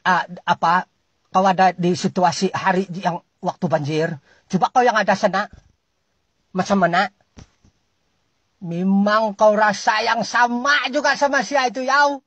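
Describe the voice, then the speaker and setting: Sabahan comic ranter, husky and exasperated, scolds an unseen listener with jumpy pitch, recorded dry. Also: a bit bright, no echo. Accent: Sabahan Malay. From Sabah, Malaysia. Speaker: comic storyteller. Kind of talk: comic ranting monologue.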